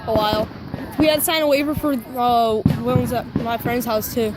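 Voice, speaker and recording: A high-pitched woman talks casually and whoops excitedly while filming a fireworks show outdoors. It is recorded on a handheld phone, and loud firework bangs and crackles keep going off around her. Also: moderate pace. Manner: excitable, whooping and shouting at bursts. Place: outdoors during a fireworks display.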